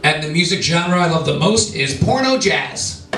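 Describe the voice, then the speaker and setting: Twenties stand-up guy from New Jersey, dry self-deprecating delivery, high-pitched, a bit of room hiss. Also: sing-song, moderate pace. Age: 20s. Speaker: stand-up comic. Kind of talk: stand-up set. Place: small lounge comedy club. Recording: echoey club, taped from far off.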